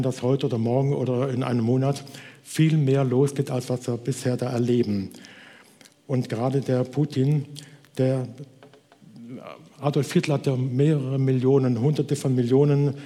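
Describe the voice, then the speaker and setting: A man preacher giving an earnest, exhorting sermon to a congregation, slowing down to stress key words. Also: medium pitch, mellow. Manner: earnest, exhorting, slows for emphasis. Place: church hall. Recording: long reverb of a hall.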